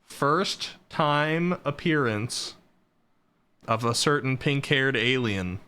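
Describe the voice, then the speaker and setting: A man's voice: mid-range voice, expressive, takes it slowly, bright, forceful tone, smooth. A man hosting a livestream, commenting casually on old clips in a playful, self-mocking way. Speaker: streamer, host. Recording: faint music behind voice.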